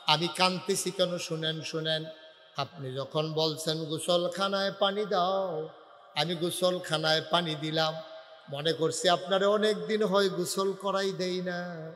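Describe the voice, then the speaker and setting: A man voicing a young wife tearfully explaining herself, speaking slowly and softly in a sermon. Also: high-pitched, fairly even intonation, faint music behind. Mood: tender, pleading. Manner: slow, soft, pleading retelling. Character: grieving young wife explaining her tears. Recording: echoey hall, long reverb.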